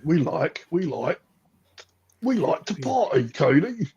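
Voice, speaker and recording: A man's voice: fairly high pitch, sing-song, takes it slowly, creaky, dark tone. A man in his thirties with an Australian accent, hosting a casual chat in a joking, rambling way. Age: 30s. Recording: muffled with faint noise.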